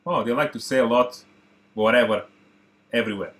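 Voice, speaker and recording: Movie reaction host, man, native Portuguese speaker, excitable and chatty, middle pitch. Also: a little fast, a little hiss or hum. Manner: chatty, excitable, addresses viewers as guys. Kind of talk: casual reaction commentary.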